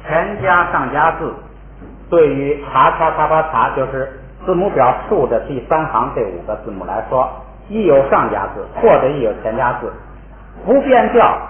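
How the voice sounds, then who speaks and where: A man's voice: mid-range voice, animated, moderate pace. A male language teacher giving a recorded spelling lesson, patiently repeating syllables for students to read along. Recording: tinny, echoey, lo-fi recording with faint hiss.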